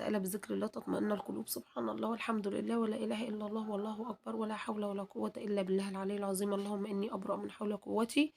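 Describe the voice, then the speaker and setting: In a home cooking vlog, a woman speaking with an Egyptian Arabic accent talks with her viewers and offers long prayers, her voice hoarse from a cold. She has a medium pitch and a slightly mellow sound.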